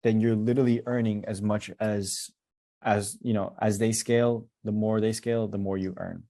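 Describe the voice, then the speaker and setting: Mellow-voiced man coaching on a call. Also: on the low side, fairly even intonation, moderate pace, gravelly. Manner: casual, direct, upbeat advice. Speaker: business coach. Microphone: video call.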